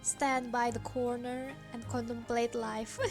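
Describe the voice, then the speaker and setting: A giggly woman streamer chats her way through a game in a high voice, taking her time. Steady music plays under her talk. She laughs often and keeps it light and playful. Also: slow pace. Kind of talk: casual let's-play commentary.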